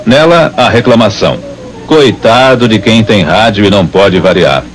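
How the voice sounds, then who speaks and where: A man's voice: lowish voice, moderate pace, soft background music, poor audio. A man giving scripted documentary narration about past times, as the programme's narrator.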